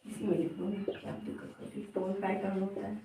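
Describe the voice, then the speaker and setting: A woman's voice: medium pitch, level tone, creaky. Woman teacher, patient and repetitive, recorded off-mic in a roomy space with faint background noise. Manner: explains slowly, repeating words and checking understanding with "theek hai". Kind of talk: exam-prep lesson in mixed Hindi and English. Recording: echoey room, voice from a distance.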